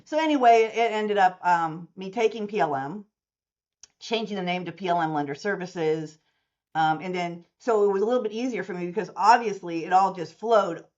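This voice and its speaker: Woman in her 60s telling her career story in an interview, acts out the dialogue, lowish voice, slightly dull sound. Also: moderate pace. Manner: animated storyteller who acts out quoted dialogue. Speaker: mortgage services company owner, interview guest. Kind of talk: long-form interview, storytelling.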